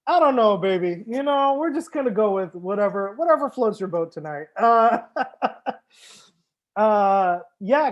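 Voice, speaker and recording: A man's voice: high voice, lo-fi sound. A man hosting a live-streamed wine tasting as a sommelier, talking casually and upbeat with frequent fillers. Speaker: sommelier and show host.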